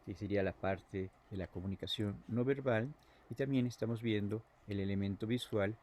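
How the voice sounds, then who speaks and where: A man giving a lecture as a teacher, halting and repeating words, often filling pauses with "este". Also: fairly low pitch, dark tone.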